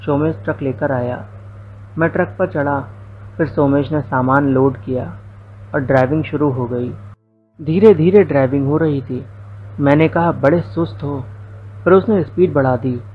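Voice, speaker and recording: A man's voice: medium pitch, narrow, tinny audio, slight background noise. A young man narrating a first-person story, with quoted dialogue folded into his telling.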